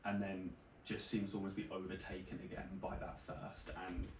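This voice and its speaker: A man with a low voice narrates as dungeon master, sketching the action in loose, filler-filled sentences. He sits back from the mic in an echoing room, with clear noise behind him. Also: completely flat delivery, moderate pace. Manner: descriptive, filler-heavy narration. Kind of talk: narrating a tabletop game. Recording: roomy, distant mic with noise.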